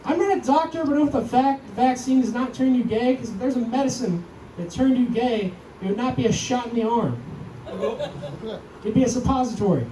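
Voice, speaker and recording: A young man with a high voice works through a stand-up set in a deadpan, self-deprecating way. He lifts his voice when he acts out other people. The sound is roomy and distant, with a loud club ambience behind him. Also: brisk. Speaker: stand-up comedian. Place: comedy club stage. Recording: echoey club, mic heard from far, audience noise.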